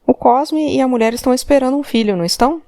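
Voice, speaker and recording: A woman's voice: high-pitched, rapid-fire, warm tone, dry recording, clean studio sound, voice pushed up. A woman reading an audiobook, voicing a male police commissioner who questions insistently and presses for the truth. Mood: pressing. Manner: insistent, interrogating, demanding. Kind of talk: audiobook character voice.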